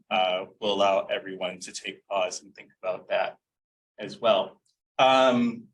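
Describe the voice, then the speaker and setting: A man presenting an exhibit to an audience, reflective and pausing with fillers. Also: fairly low pitch, fairly bright tone. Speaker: exhibit organizer. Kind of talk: event presentation speech. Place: event room. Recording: distant mic with faint room noise.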